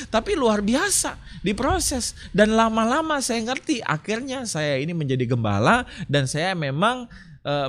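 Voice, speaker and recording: A middle-aged man who is a pastor, preaching a sermon and telling personal stories to the congregation. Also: high-pitched. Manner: storytelling, animated when telling anecdotes; addresses congregation as Bapak Ibu.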